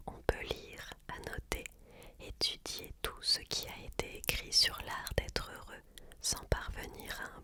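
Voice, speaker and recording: Someone reading a book in a quiet library whisper, really slow, crisp bright hiss to it, asmr. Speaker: ASMR reader.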